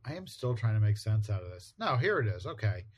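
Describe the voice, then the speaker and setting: A man's voice: lowish voice, brisk. A man co-hosting a casual podcast, recapping a comic book page by page and laughing easily. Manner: relaxed, laughs often, recaps by paraphrasing. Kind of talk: casual chat.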